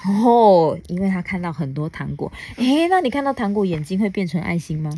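Gentle mother reading a storybook. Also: mid-range voice, sing-song, a little fast, husky. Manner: gentle, coaxing questions to a child. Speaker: mother reading a picture book to her child. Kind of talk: storybook read-aloud podcast.

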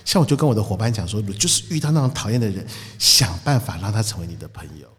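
A man's voice: lowish voice, lively intonation, fast talker, in a large hall. A man co-hosting a casual podcast chat, joking and playful as he talks. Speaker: podcast co-host.

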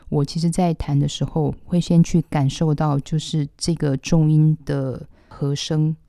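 A woman with a Taiwanese Mandarin accent, a pianist hosting a podcast, talking through music in a measured, thoughtful way and slowing down to stress her points. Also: sits low, creaky, mellow, no echo, clean studio sound. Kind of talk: reflective music commentary.

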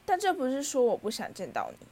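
A woman's voice: high-pitched, wildly swooping pitch, quick pace, darkish tone, voice pushed up, heavily acted. Woman reading a hesitant polite boy wizard. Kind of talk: storybook reading.

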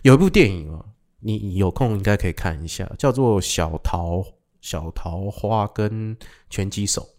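A man, an actor, telling rambling, animated stories in a casual podcast chat. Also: on the low side, moderate pace. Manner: rambling, animated storytelling with fillers.

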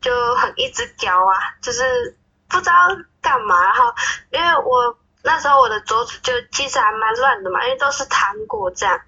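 Animated young woman telling a story, phone-quality sound. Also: a little high, brisk, slightly rough. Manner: animated, acts out quarrels in quoted voices. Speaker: guest. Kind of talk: casual chat storytelling.

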